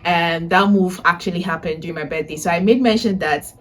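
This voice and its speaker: A woman in her twenties, a vlogger who also teaches data analytics, recaps personal updates to the camera from a room in a family house. Her lowish, a bit bright voice runs a little fast, and she chats directly with viewers, often adding "right?".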